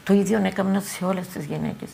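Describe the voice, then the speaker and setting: An older woman with a Cypriot Greek accent gives eyewitness testimony. Her voice is strongly gravelly and husky, sitting at a middle pitch. She speaks haltingly and circles back over the same words. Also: steady tone, mellow. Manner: halting, repeats words and phrases. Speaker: eyewitness interviewee.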